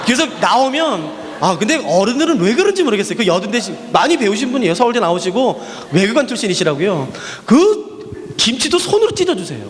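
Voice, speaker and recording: A man's voice: high voice, a little fast, long reverb tail, a little hiss or hum. A male missionary preacher giving a sermon, telling stories with repeated refrains and questions put to the congregation. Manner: animated storytelling with repeated refrains and rhetorical questions. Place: church hall.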